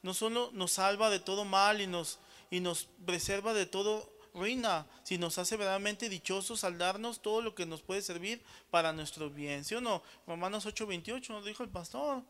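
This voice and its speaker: A man's voice: sits high, moderate pace, a bit bright, smooth. A man preaching a sermon, often calling the congregation brothers and checking in with them after each point. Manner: addresses listeners as brothers.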